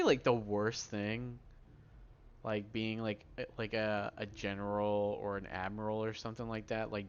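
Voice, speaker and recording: A man giving casual, rambling playthrough commentary on a video game, with informal, halting asides as he plays. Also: lowish voice, clear, resonant tone. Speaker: gamer playing and commenting. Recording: dull microphone, faint background noise.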